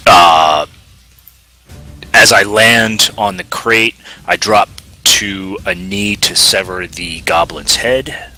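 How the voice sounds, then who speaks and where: A man at a game table speaks in a very deep, forceful voice. He is slow and casual as he calls his moves, with music behind.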